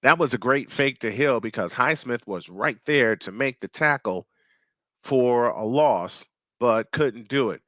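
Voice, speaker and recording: A man in his fifties calling a football game live play-by-play, slightly hoarse, reading viewer chat between plays and getting excited on big runs. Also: medium pitch, unhurried, no room sound, studio quality. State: slightly hoarse, clearing throat. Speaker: play-by-play announcer.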